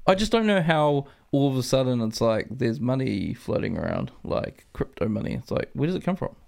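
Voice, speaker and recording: A man's voice: mid-range voice, big pitch swings, fairly quick, vocal fry, a little mellow. A man co-hosting a podcast in casual chat, joking and firing off rambling questions. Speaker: podcast co-host.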